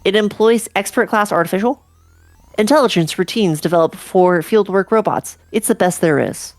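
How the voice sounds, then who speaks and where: A woman playing a retro adventure game with friends, reading character dialogue aloud with lively rises in pitch. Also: normal speed, no room sound, soft background music. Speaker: let's play player.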